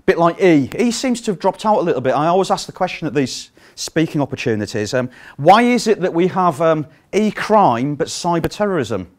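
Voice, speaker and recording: With a slightly high voice, a little quick and with few pauses, a middle-aged British man gives a conference-room talk. Lacking a microphone, he projects to fill the room, sounding lively and using frequent ums and uhs.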